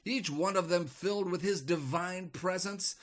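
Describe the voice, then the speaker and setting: A man's voice: high-pitched, moderate pace, pitched above the performer's own voice, natural voice. A man voicing a furious male demon who rants about believers, his voice growing to a roar. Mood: indignant. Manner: roaring, rising intensity.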